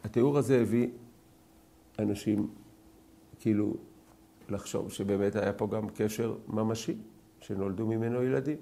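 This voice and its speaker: A man teaching a scripture class, questioning his students and rising to loud, emphatic peaks. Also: fairly low pitch, fairly even intonation, creaky, pauses often. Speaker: Torah teacher.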